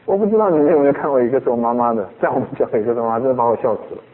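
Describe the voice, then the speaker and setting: A man preaching a sermon as a pastor, animated and full of rhetorical questions. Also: medium pitch, rapid-fire, in a large hall, phone-quality sound.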